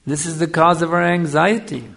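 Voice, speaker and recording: A spiritual teacher with a fairly high, gravelly and somewhat bright voice speaks at normal speed with a steady tone. His Hare Krishna style lecture on scripture is didactic, with repeated phrases for emphasis and check-ins with his listeners.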